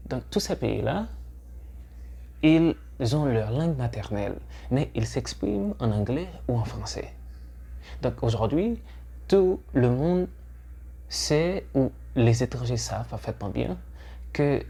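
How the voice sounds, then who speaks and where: This Haitian channel host, first language Haitian Creole, urges his audience in an earnest scripted monologue to camera, peppered with hesitations. His mid-range voice sounds creaky, mellow and husky.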